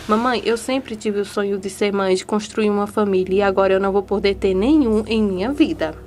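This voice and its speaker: A woman's voice: medium pitch, brisk, darkish tone, slight background noise, natural voice. A woman reading the lines of a young woman who refuses her arranged marriage, in a bitter, defiant way.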